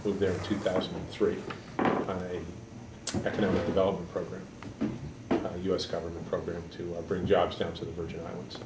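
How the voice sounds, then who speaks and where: A man in his sixties from Connecticut, a political candidate giving halting, measured answers in an editorial board interview. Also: sits low, level tone. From Connecticut, USA. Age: 60s. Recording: echoey room, mic far off, background noise.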